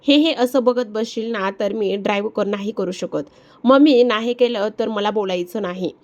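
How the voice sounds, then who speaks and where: A woman's voice: mid-range voice, steady tone, normal speed, darkish tone, lo-fi sound, close to an everyday voice. A woman playing a teasing, theatrical young man. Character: playful young husband and protective elder brother.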